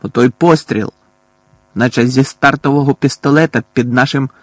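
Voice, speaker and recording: A man voicing a blustering, furious middle-aged uncle in an audiobook, hoarse and gruff, badgering loudly. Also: medium pitch, fairly even intonation, moderate pace, no room sound, lightly acted. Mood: angry. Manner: loud and badgering.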